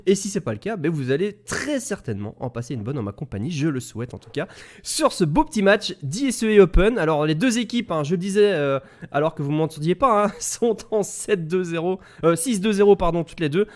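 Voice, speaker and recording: A Belgian man with a Belgian French accent casts a live esports match from his home setup. His voice sits a little high and swings widely in pitch as he chats and jokes with his viewers. He speaks close into an XLR studio microphone. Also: a little mellow. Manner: chatty, joking, talks straight to the chat. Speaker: esports caster. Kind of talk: live game commentary.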